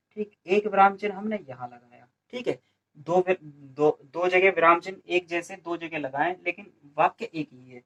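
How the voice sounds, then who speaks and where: The recording is muffled as an Indian man, his voice high and fairly bright, teaches Hindi grammar for exam coaching. He asks questions, repeats them, answers them himself, and keeps saying "ठीक है" (okay).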